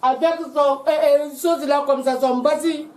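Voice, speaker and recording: A woman's voice: sits high, steady tone, normal speed, darkish tone, far from the mic, close to an everyday voice. A woman playing a tearful young woman pleading her case. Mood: distressed. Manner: pleading, repetitive, on the edge of tears. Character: distraught young woman of the household, accusing. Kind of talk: African film acting. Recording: echoey room.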